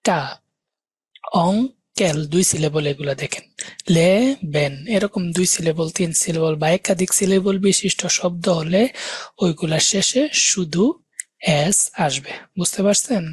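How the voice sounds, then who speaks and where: A male language instructor giving a live grammar lesson, explaining step by step, repeating key words and slowing down to break words into syllables. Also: high-pitched, husky, no room sound.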